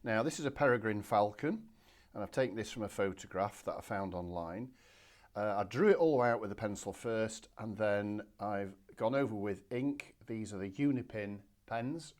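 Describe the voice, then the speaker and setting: A man, giving a relaxed, chatty step-by-step painting demonstration from his studio. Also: lowish voice. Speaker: watercolour art instructor. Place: home art studio.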